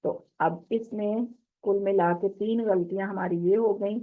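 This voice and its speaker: A woman teaching a tajweed lesson, explaining common recitation mistakes and slowly drawing out the Arabic words she demonstrates. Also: mid-range voice, steady tone. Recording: tinny phone-like audio.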